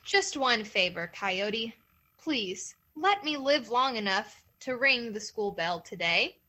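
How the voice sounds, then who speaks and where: A woman's voice: on the high side, big pitch swings, takes it slowly, bright, forceful tone, heavily acted. A woman voicing a scrawny, sly old male hare who talks sweetly and innocently to trick a coyote. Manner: sweet, innocent-sounding, cunning.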